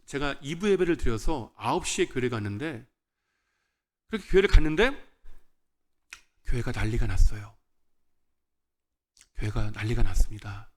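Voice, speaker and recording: A young man preaching a revival sermon, telling a personal story in an animated way and acting out the voices of the people in it. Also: mid-range voice. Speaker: pastor.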